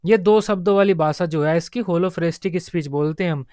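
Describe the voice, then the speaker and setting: A man's voice: high-pitched, normal speed, darkish tone, no echo, studio quality. A man giving an exam-prep lecture, explaining step by step and repeating the key points. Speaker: teacher.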